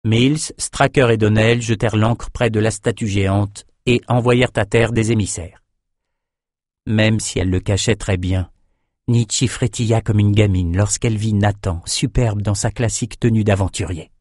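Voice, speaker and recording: A man's voice: on the low side, steady tone, normal speed, darkish tone, dry recording, studio quality. Man narrating a fantasy audiobook.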